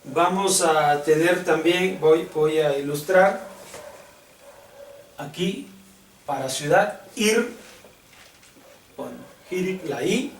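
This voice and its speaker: Slow, patient male teacher in an echoey classroom. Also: fairly high pitch. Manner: slow, patient, checks understanding with questions. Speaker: Hebrew teacher. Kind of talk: classroom lesson. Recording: echoey room, distant mic, faint hiss.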